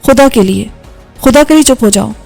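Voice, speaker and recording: A woman voicing a frightened young woman who pleads and defends herself softly in audiobook dialogue, over faint background music. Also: a little high, gravelly, in a large hall. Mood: upset. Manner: soft, hesitant pleading.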